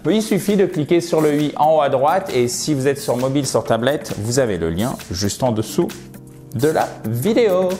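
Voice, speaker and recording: Soft music plays behind this man's animated, mellow, medium-pitched voice as he speaks at normal speed with few pauses. He's an English teacher giving a casual pronunciation video, explaining step by step, repeating sounds as models, and checking in with "ok?" and "d'accord?".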